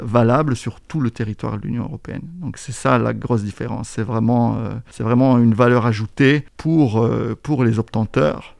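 Gravelly man, measured explanations. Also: medium pitch, darkish tone, no echo, studio quality. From Belgium. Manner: measured, explanatory, frequent hesitations. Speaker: guest, agency staff member. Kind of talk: interview answers.

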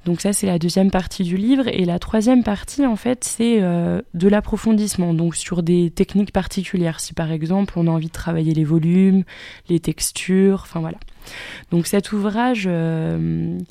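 A woman presenting book recommendations on the radio. She talks quickly, with many hesitations and self-corrections. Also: fairly low pitch, vocal fry, mellow, no echo.

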